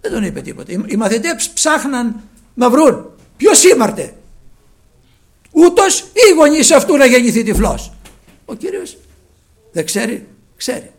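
A man preaching a sermon with fervour, his phrases often sinking to a hushed, low close. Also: big pitch swings, gravelly, pauses often.

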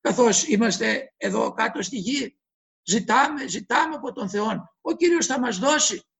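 A male preacher delivers an impassioned sermon, acting out the voices he quotes. His voice sits unusually high for a man, with a gravelly, fry-laden edge. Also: expressive, a bit bright.

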